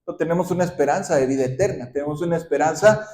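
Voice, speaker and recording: A man pastor preaching a sermon, often asking the congregation questions and ending points with a quick "¿sí?". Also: fairly high pitch, darkish tone. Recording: roomy echoing hall.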